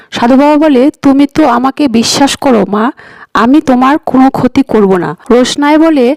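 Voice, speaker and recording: A woman's voice: sits high, a little mellow, no room sound, poor audio. A woman retelling a TV serial episode, reading every character's lines in the same plain voice. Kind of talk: scripted narration with quoted dialogue.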